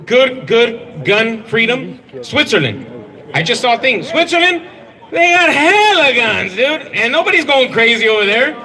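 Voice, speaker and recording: A man's voice: extremely high pitch, big pitch swings, unhurried, pushed and bright, low-quality recording. A man giving a punchy, crowd-rousing speech at an outdoor rally. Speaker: rally speaker.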